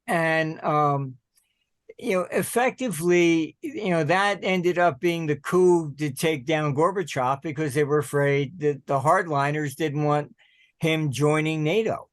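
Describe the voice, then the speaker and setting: Older man, higher voice, dry sound. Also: no room sound. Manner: digressive, halting, clears throat. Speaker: guest, market analyst. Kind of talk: conversational interview.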